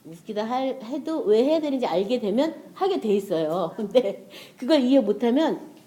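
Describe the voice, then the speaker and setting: A woman's voice: on the high side, expressive, moderate pace, mellow. A woman preacher giving a casual, conversational sermon and acting out prayers and inner voices.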